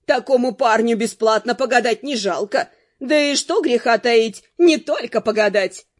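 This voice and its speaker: A woman's voice: on the high side, normal speed, close to an everyday voice. A woman doing a drawling, pushy fortune-teller. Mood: sly. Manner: drawling, coaxing sales patter.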